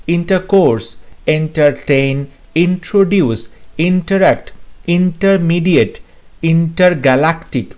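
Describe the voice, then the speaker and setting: A man's voice: a little high, darkish tone. A man teaching English vocabulary in a lesson, listing words one after another, giving short meanings and checking that his students follow. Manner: lists words and gives quick meanings, checks understanding.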